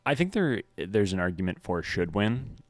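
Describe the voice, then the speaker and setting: Deep-voiced, wry young man. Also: big pitch swings, moderate pace, slight background noise. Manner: dry, wry jokes with frequent laughs. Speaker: podcast co-host. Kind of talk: casual sports chat.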